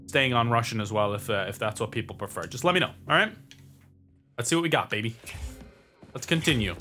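A man with a bright, forward voice talks through a game session in a loose, chatty way, thinking aloud and swearing casually. Faint game music plays under his voice. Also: medium pitch. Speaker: gameplay commentator. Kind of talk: casual let's-play commentary. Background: game sounds and music.

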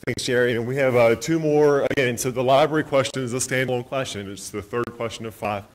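A man's voice: mid-range voice, a little fast. A man moderating a town hall meeting, introducing speakers with frequent hesitations, on a handheld mic in a meeting room. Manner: hesitant with many filler sounds. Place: meeting room with projector screen.

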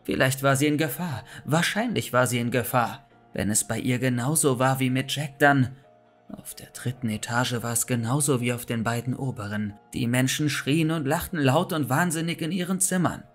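A man reading a scripted horror story aloud, tense and dramatic, breaking into shouts when his character calls out. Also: mid-range voice, normal speed, faint music behind.

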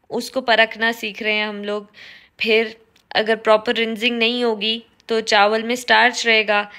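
Her voice is a little high with a sharp tone. In a casual talking-head vlog filmed at close range on a phone in a small home room, this young woman talks through her restaurant-running lessons, dropping in English words.

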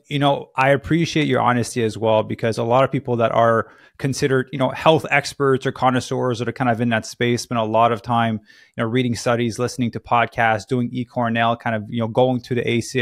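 A young man hosting a podcast, with a mid-range voice that is upbeat and encouraging. He speaks close to a studio microphone on a boom arm, and the sound is dry, with no room echo at all. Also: level tone, brisk. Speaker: podcast host. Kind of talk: casual interview chat. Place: studio with neon sign.

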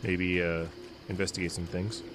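A man with a low-pitched, level voice comments casually at a moderate pace while playing a game, sounding a little congested from a cold and muttering to himself. Loud background music plays under this let's-play commentary, with slight background noise.

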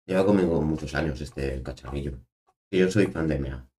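This man's bass voice is mellow and moves at a normal speed. He draws during a live stream, chatting casually and playfully, saying things over again and giving orders to a toy.

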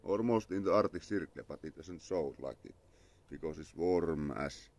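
This young adult from Finland has a bass voice, creaky and somewhat dark in tone, delivered at normal speed. He's live-streaming outdoors in his yard under a parasol, chatting casually with a Finnish accent, thanking followers and muttering to himself. A phone camera at arm's length picks him up.

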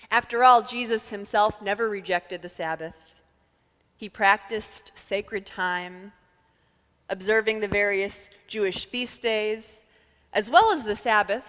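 A woman in her thirties, a pastor, giving a calm, measured sermon with thoughtful pauses through a headset mic in a church sanctuary. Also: mid-range voice. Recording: long reverb of a church sanctuary.

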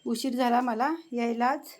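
A woman's voice: on the high side, flat delivery, a little slow. A woman with a Marathi accent, casually chatting to her pets at home in coaxing baby talk during a vlog. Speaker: vlogger talking to her pets.

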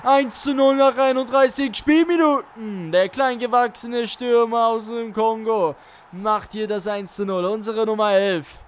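A man with a high, clean voice commentates his football video game. He erupts in frustrated rage, shouting and cursing at the play like a gamer who has had enough. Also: smooth. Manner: raging outbursts, frustrated shouting and swearing. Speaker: gaming YouTuber playing and commentating his career mode.

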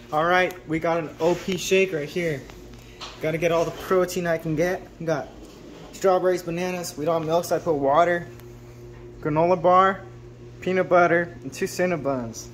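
Young male missionary vlogger, higher-voiced, playful, joking delivery, noisy phone audio. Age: young adult. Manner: excitable, joking, self-mocking. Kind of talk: casual vlog narration. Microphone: phone held at arm's length.

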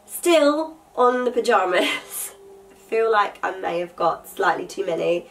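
Congested and nasal with a cold, a woman in her twenties does a casual haul video indoors by her vanity table, filling her talk with fillers. Her mid-range voice is expressive, measured and a bit bright, in a rough recording made from a distance.

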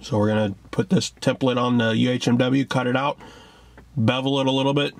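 With a medium-pitched, flat delivery at a slightly fast pace, a man hosts a casual, hands-on DIY vlog. He explains things in short, plain steps into a handheld camera held at arm's length, outside in a yard and inside a parked vehicle. The camera captures clear ambient noise.

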